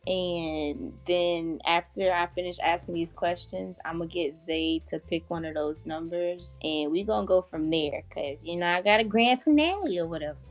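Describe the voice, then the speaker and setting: Woman host just chatting, kinda low voice, easygoing, soft music under. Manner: laid-back, chatty, laughs often. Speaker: podcast host. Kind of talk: casual interview chat.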